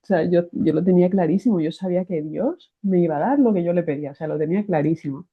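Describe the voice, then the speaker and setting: A woman's voice: on the low side, quick pace, husky. Spanish woman telling a story over a tinny line. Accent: Spain Spanish. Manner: animated, restarts phrases, acts out quoted voices. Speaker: guest giving a faith testimony. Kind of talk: personal testimony storytelling. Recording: tinny phone-like sound.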